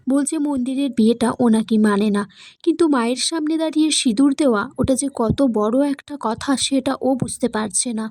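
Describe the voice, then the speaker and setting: A woman's voice: a little high, no echo. Woman recapping a drama episode. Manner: steady storytelling, reads quotes in the same voice. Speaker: serial episode recap narrator. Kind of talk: reading a plot recap with quoted dialogue.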